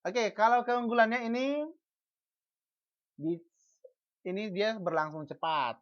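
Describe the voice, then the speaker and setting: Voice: medium pitch, expressive, slow, dull audio. A teacher giving an online class lecture, asking the class questions and answering them, with frequent false starts and repeated syllables. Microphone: video call.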